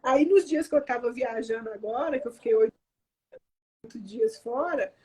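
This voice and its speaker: A woman's voice: a little high, normal speed, warm tone, husky. A Brazilian woman in her thirties, a therapist, chatting animatedly and explaining parenting limits with everyday examples. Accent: Brazilian Portuguese. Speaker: emotional therapist guest. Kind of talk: casual conversation.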